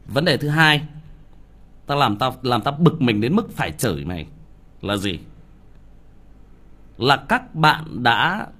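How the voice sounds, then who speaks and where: A man's voice: mid-range voice, sing-song, slow pace, long pauses, bright, forceful tone. A man who reads audiobooks on a livestream, scolding a viewer with profanity and rhetorical questions.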